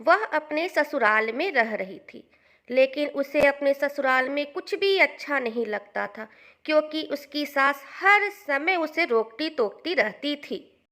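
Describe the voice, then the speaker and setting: A woman narrating a cartoon moral story in a calm, even storytelling manner. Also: high voice, unhurried.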